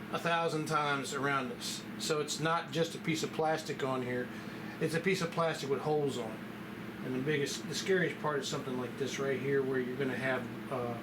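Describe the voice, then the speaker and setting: Man in an echoey, noisy room, demonstrating casually. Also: on the high side. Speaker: vlogger demonstrating a DIY fix. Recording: echoey room, clear background noise, stock mic.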